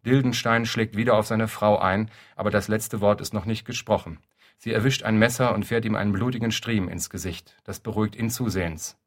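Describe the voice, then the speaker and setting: A man reading a literary story aloud in a dry, deadpan narrating manner. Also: fairly low pitch, brisk. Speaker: reader.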